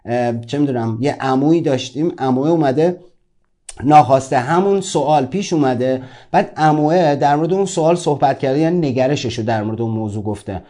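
A man's voice: mid-range voice, mellow. A man teaching a self-help course, giving an informal motivational talk and speaking directly to his listeners in a conversational way.

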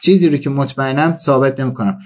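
A man delivering a comic storytelling monologue, acting out the people he quotes. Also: medium pitch. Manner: animated, acts out quoted dialogue.

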